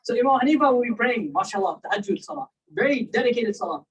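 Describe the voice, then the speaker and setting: A man giving a casual, animated religious storytelling lecture, often checking in with his listeners. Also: very high-pitched, quick pace, husky, muffled recording. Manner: animated, conversational, asks listeners "right?" and "you know?". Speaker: Islamic lecturer. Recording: distant mic, poor sound quality.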